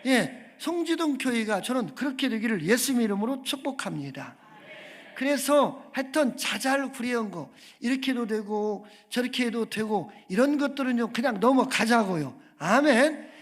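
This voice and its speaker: Preaching as a guest in a church sanctuary, a man speaks at normal speed in a very high-pitched, animated voice. His delivery is emphatic, full of calls for amens and questions directed at the congregation.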